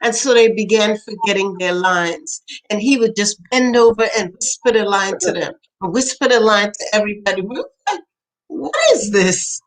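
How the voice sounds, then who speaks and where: An older woman from Trinidad, a poet being interviewed, telling family stories with lively quoted voices. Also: medium pitch, moderate pace, hardly any pauses, poor audio. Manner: animated storyteller, acts out quoted voices, laughs often. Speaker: poet and author, interview guest. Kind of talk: storytelling in conversation.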